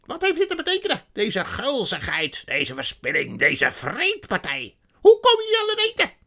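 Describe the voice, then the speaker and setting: A man's voice: high-pitched, huge pitch swings, moderate pace, pushed and bright, voice pushed up, exaggerated voice. A man voicing a cruel, imperious witch queen who screeches commands far above his own voice. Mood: furious.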